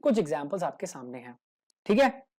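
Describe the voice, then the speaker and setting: A man's voice: a little high, big pitch swings, brisk, dark tone. A man teaching English grammar in a casual, joking way, acting out little everyday dialogues as examples. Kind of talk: grammar lesson explained in Hindi with English examples.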